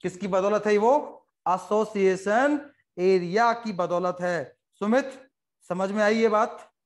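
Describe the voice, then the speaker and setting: This high-pitched biology lecturer has an Indian accent and an animated, fast-talking style. He kids around with his class and slips into brief voices to act out his stories.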